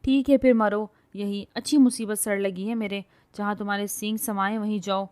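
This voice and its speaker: A woman's voice: mid-range voice, little pitch movement, darkish tone, close to an everyday voice. Woman doing a stern, exasperated young man. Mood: angry. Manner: firm, curt.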